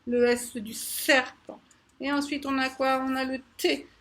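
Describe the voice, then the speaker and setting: A woman teacher with a high, bright-sounding voice explains letter sounds to parents. She is animated and drags out each sound several times in a row. Her tone stays patient and instructive. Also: unhurried. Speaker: preschool teacher.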